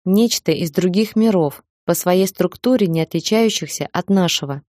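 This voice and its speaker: A woman voicing a gruff, brooding male guardian who grumbles gloomily. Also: fairly low pitch, normal speed, dark tone, no room sound, clean studio sound, close to an everyday voice. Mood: gloomy.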